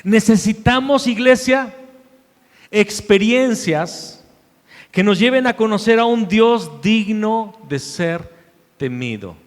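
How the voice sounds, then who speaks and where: A man preaching a sermon as pastor, emphatic, repeating key phrases and swinging between loud declarations and hushed asides. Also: sits high, slow pace. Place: church sanctuary. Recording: long hall reverb.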